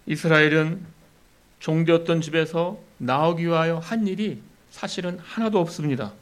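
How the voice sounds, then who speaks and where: A man preaching a sermon as a pastor. His voice climbs and gets louder when he voices the complaints of the people, then drops low and soft to close each point. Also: moderate pace. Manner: rises in pitch and volume when voicing complaints to God.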